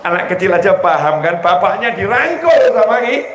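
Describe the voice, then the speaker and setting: A male preacher gives a lively sermon, teasing the audience with questions. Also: sits high, normal speed. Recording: echoey room with faint ambience.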